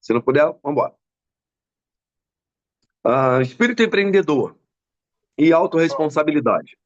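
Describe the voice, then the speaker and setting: A man's voice: fairly high pitch, normal speed, lo-fi sound. A Brazilian man giving a motivational business mentoring talk, telling stories and acting out the people in them. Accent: Brazilian Portuguese. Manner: animated storyteller acting out dialogue.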